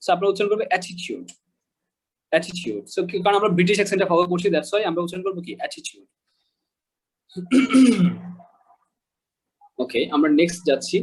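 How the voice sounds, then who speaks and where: High-voiced man teaching pronunciation. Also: animated, brisk, husky, low-quality recording. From Bangladesh. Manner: explains patiently, repeats example words, checks with listeners. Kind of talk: online lesson, mixing in English words.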